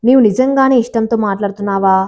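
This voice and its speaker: Pushy, impatient young men, a woman narrator voicing them in a storybook, mellow tone. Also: on the high side, quick pace, natural voice. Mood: eager.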